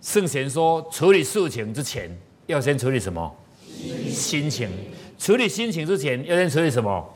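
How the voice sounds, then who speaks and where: Pitched fairly high with a breathy edge, a man with a Taiwanese Mandarin accent speaks at normal speed. He is a spiritual teacher giving a spirited, sermon-style talk filled with rhetorical questions aimed at the crowd.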